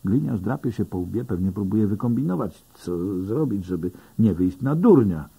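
A man reading an audiobook in the first person, with lively storytelling narration. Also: lowish voice, moderate pace, vocal fry, husky. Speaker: audiobook reader.

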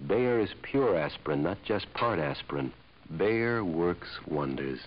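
A man's voice: deep voice, animated, unhurried. A man giving scripted commercial narration in the style of a 1960s TV broadcast. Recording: muffled old TV film soundtrack.

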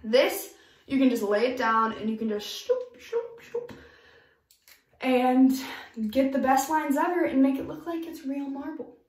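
A chatty young woman talks through her DIY tips in an upbeat, emphatic way. Her voice sits a little high, and the bathroom adds a roomy echo. She sounds slightly off-mic. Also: expressive, a little slow, far from the mic. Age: young adult. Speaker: DIY vlogger. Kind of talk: casual tips vlog. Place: home bathroom, indoors.

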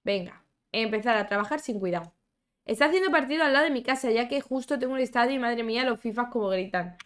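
A young woman with a somewhat high voice, chatting her way through a life-sim game. She exclaims a lot, talks back to her characters and reads out chat from her viewers in a loose, playful commentary. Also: animated, quick pace. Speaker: gaming YouTuber. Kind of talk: casual gameplay commentary.

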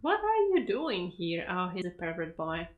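A woman's voice: on the low side, big pitch swings, normal speed, narrow, tinny audio. A young woman in a small bedroom giving casual reaction commentary to an anime episode, giggling and talking back at the screen.

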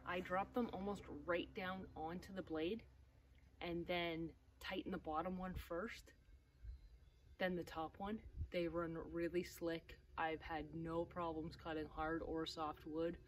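A woman's voice: lowish voice, flat delivery, unhurried, slight background noise. Woman coaching sawmill upkeep outdoors. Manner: practical, step-by-step, encouraging. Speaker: sawmill owner demonstrating maintenance. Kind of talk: hands-on instructional video. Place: outdoors beside a sawmill in snowy woods.

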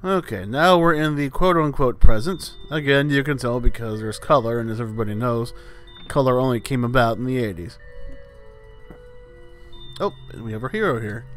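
A man's voice: medium pitch, normal speed, faint music behind. A man commenting on a video game as he plays it, with dry, wry humor and meandering asides. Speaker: let's play host. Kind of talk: gameplay commentary.

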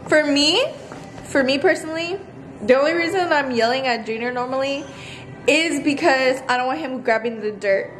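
Chatty high-voiced woman vlogger. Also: moderate pace, fairly bright tone, faint music behind. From Texas. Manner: chatty, blunt, swears freely, rants. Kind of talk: casual chat to camera.

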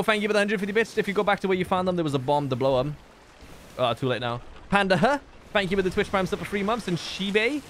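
A man's voice: fairly high pitch, fairly bright tone. A man hosting a livestream, chatting casually and jokily with friends as he plays, swearing freely. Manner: jokey, sweary. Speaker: livestream host. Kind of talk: casual gaming chat with friends. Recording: faint background game noise.

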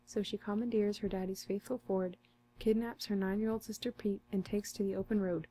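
Young woman doing ASMR role-play as a friendly librarian, soft dark library soft voice, bit of background noise. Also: mid-range voice, steady tone, fairly quick, low-quality recording. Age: young adult. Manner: hushed library soft voice, soft and intimate. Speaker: ASMR performer playing a librarian. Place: small curtained room indoors.

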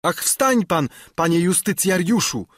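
A man's voice: high voice, lively intonation, unhurried, dry recording, studio quality, voice pushed up. A man reading an audiobook voices an anxious, urgent male servant calling out in a pleading raised voice.

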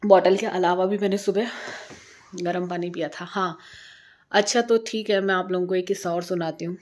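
A woman's voice: lowish voice, steady tone, moderate pace, darkish tone. A woman in her thirties chatting casually to camera as a home vlogger, rambling and repeating herself. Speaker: vlogger and single mother. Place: indoors by a sunny window at home.

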